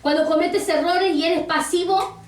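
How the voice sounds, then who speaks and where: Speaking in a very high voice with fairly even intonation and a moderate pace, a woman pastor preaches in church, quoting scripture and questioning her congregation. The roomy recording captures her from a distance.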